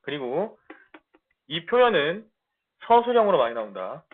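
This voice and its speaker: A man's voice: fairly high pitch, very animated, moderate pace. Man teaching in blunt casual banter. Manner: casual blunt banter with students, frequent check-ins. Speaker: middle school English teacher. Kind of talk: online lecture. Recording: tinny phone-like sound.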